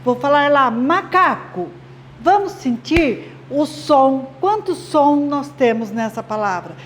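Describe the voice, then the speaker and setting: Woman teacher, high-pitched, slow and patient, addressing parents over a faint noise floor. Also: lively intonation. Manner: patient, explains slowly with rhetorical checks. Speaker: literacy teacher. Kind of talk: instructional video talk to parents.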